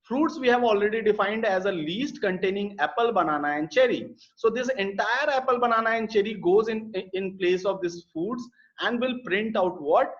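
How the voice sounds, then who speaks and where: At a moderate pace and with a voice that sits high, the programming instructor takes his online class through the code step by step, often repeating words and using fillers. His computer mic produces dull, lo-fi live audio.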